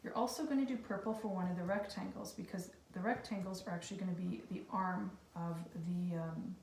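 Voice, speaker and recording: A kindergarten teacher leads young children through a casual craft lesson, giving simple, reassuring instructions one step at a time. Her voice sits on the low side, steady, gravelly and a little mellow, and she talks a little fast. The room is echoey, the mic is distant, and there's faint noise.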